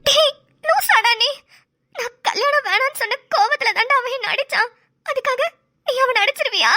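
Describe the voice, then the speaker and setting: A woman's voice: very high-pitched, normal speed, fairly bright tone. A woman voicing an emotional, loyal young woman in a cartoon, who talks in a pleading way. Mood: tearful. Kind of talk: Tamil cartoon voice acting.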